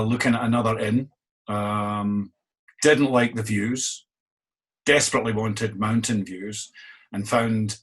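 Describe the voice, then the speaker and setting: A man's voice: mid-range voice, fairly bright tone, husky. A middle-aged man with a Scottish accent, an innkeeper answering interview questions in a wry, self-deprecating way. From Scotland.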